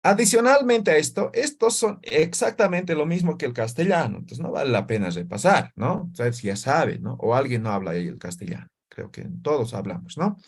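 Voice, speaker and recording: A man's voice: fairly high pitch, animated, a little fast, few pauses, husky. A man teaching an online language class, drilling students through repeated syllables and often tagging his sentences with short questions. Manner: frequent tag questions.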